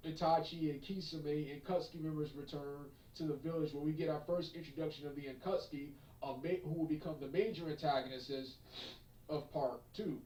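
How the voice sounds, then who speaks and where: A man talks through an unscripted review, stumbling over his words and looping back to repeat phrases as he goes. His voice sits a little high yet sounds mellow and dark in tone. The room echoes, and he sits some way off from the mic. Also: far from the mic. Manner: halting, many fillers and restarts, repeats phrases.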